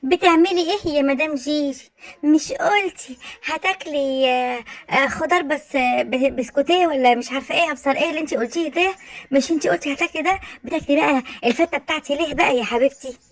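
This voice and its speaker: An actress playing a loud, blunt working-class mother-in-law with an Egyptian accent in a comedy sketch. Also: high-pitched, fast talker. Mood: indignant.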